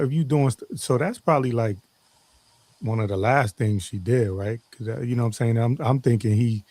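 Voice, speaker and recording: Mellow low man in rambling chat. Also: no echo. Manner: rambling, halting, full of restarts. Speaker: stream co-host. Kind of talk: casual live-stream chat.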